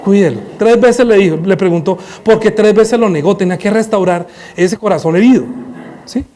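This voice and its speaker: A man preaching a sermon in church on a headset mic, animated, acting out scenes and firing rhetorical questions. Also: high-pitched, a little fast, slight background noise.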